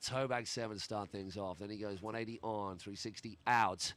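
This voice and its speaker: A man's voice: lowish voice, steady tone, moderate pace, fairly bright tone. Chatty English man commentating live sport. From England. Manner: chatty, colloquial, jokey.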